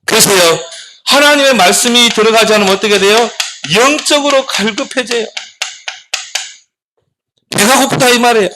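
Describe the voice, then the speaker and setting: A middle-aged man preaching a children's sermon, animated, asking the children questions and answering them himself. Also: extremely high pitch, normal speed, long pauses, a little hiss or hum, low-quality recording. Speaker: pastor.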